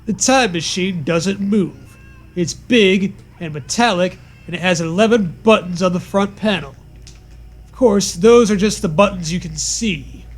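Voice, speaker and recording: Unhurried, dry-humored man reading. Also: sits high, faint music behind. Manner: dry, mock-earnest commentary. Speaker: co-host reading a story aloud. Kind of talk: comedic story reading with banter.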